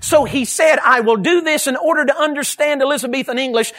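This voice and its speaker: A man preaching a fervent sermon to young people, building to shouted emphasis. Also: very high-pitched, fairly quick.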